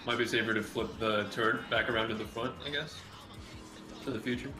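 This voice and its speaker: A man's voice: fairly low pitch, steady tone, brisk, reverberant, music in the background, rough recording. A man offering offhand advice as a co-commentator at a speedrun stream. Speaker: marathon co-commentator. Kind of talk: casual commentary.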